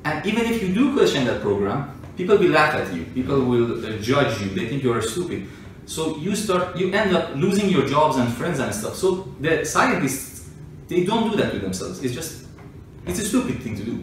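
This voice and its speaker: A self-described engineer and scientist explains things informally and argumentatively to a listener, working through everyday examples. His voice sits on the high side and is sing-song, moving at a moderate pace with hardly any pauses. The room is echoey, the mic is distant, and there's faint noise.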